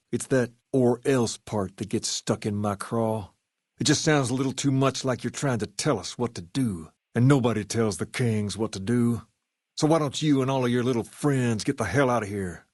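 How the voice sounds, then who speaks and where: Guy playing cool southern gang boss from a video game, folksy drawl, lots of swagger, mid pitch, dry close sound. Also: darkish tone, no room sound, natural voice. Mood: indignant, defiant. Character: swaggering, folksy gang boss who idolizes a rock-and-roll singer. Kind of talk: video game character dialogue.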